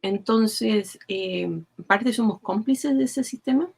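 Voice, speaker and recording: A woman from Chile with a Chilean accent, giving earnest, thoughtful answers as an interview guest and often pausing to search for words. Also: medium pitch, gravelly, a little mellow, husky. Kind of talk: explanatory interview talk.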